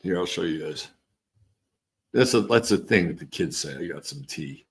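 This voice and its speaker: Deep and animated, this man talks at a normal pace with an accent blending California and the East Coast. On his casual livestream he reads viewer comments and chats loosely, rambling, trailing off, restarting, and swearing casually.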